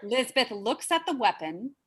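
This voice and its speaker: A woman's voice: on the high side, sing-song, unhurried, fairly bright tone, breathy edge, poor audio. A woman reading out stage directions for an audio drama, matter-of-fact with wry asides. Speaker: narrator.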